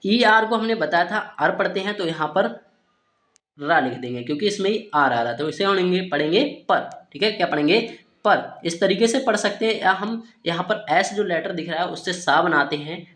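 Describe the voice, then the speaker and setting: A man's voice: sits high, animated, fairly quick, fairly bright tone. A man teaching Hindi speakers to read English words, spelling them out letter by letter and asking questions he then answers himself. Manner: repeats "ठीक है" and asks-then-answers questions. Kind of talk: phonics lesson for Hindi speakers. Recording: roomy echo.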